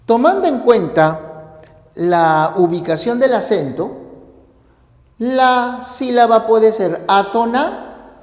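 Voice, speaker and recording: A teacher slowly explaining a grammar lesson, asking rhetorical questions to the students. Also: medium pitch, animated. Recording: echoey room with long reverb.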